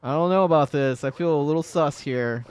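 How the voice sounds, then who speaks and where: A man's voice: fairly high pitch, fairly quick, a little mellow, clean tone. A man in his thirties streaming a game, chatting casually and jokily, rambling between stories and swearing now and then. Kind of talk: casual gaming stream chat.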